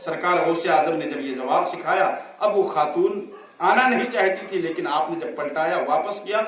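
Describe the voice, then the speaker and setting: A man preaching a sermon as a story, his voice rising to shouts at the climaxes, picked up through a stage microphone at a large religious gathering. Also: a little high, a little hiss or hum. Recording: very echoey, far from mic.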